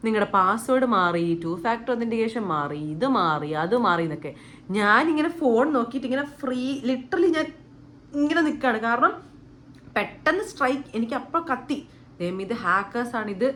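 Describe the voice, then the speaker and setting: A young woman telling a story to her viewers in a casual, animated vlog, dropping English words into her talk. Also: on the high side, a little hiss or hum. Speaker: YouTuber.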